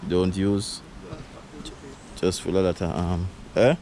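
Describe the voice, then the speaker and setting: This middle-aged man speaks slowly in a low-pitched voice as he gives a casual garden tour of his backyard. He has a Vincentian accent, being from Saint Vincent and the Grenadines, and he's relaxed and chatty, laughing often and using creole phrasing.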